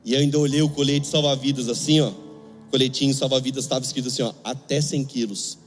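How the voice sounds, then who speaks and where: A man's voice: mid-range voice, fairly even intonation, quick pace, big-room sound, faint music behind. A young man preaching in Brazilian Portuguese, telling a funny story with acted dialogue. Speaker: pastor. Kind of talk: sermon.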